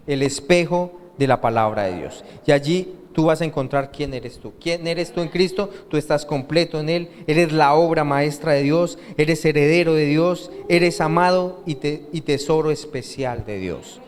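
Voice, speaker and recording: Colombian pastor preaching in a reverberant hall. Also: male voice, fairly high pitch. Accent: Colombian Spanish. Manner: asks the congregation questions and waits for answers; joking, lively preaching. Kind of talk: sermon. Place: church hall. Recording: reverberant church hall with faint noise.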